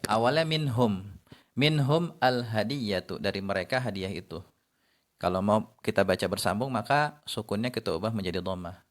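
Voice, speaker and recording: A man giving a casual spoken lesson on reading Arabic, who explains slowly, repeats each example and often adds "ya". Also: low-pitched. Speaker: Arabic teacher.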